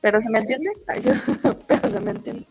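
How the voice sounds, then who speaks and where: A woman's voice: fairly high pitch, sing-song, moderate pace, darkish tone, slightly rough, faint music behind. A woman joining a casual online chat from her phone, her voice echoey and distant, apologizing as she fumbles with the setup. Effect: echoey sound from joining by phone. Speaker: panel guest.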